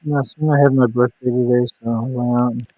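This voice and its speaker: Guy on a stream panel, mic crackling and dropping out, flat laid-back voice, muffled lo-fi sound. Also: mid-range voice, brisk, no echo. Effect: mic cutting in and out, crackling. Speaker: guest on a live stream panel. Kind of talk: casual chat. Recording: dull lo-fi remote mic with dropouts.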